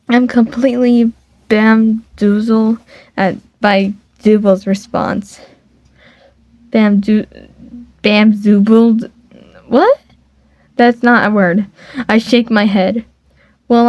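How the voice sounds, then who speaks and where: Reading a fan dating sim out loud, this woman rambles and stumbles over her words. Her pitch is fairly high and slightly mellow, with no echo, captured on a dry home mic that gives a dull, lo-fi sound.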